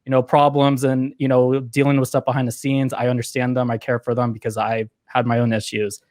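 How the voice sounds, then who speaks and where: A man hosting a podcast, speaking earnestly and haltingly as he sets up a question for his guest. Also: mid-range voice, level tone, darkish tone. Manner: halting, earnest, many fillers and restarts. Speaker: podcast host. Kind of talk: conversational interview.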